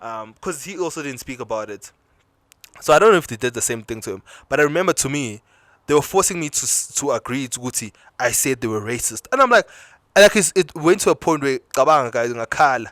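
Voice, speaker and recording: A man's voice: medium pitch, expressive, brisk, fairly bright tone, no echo, clean studio sound. A young man with a South African accent telling a personal story to camera, emotional and repeating himself, switching between English and Zulu mid-sentence. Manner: emotional, restarts and repeats himself while recounting. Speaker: vlogger.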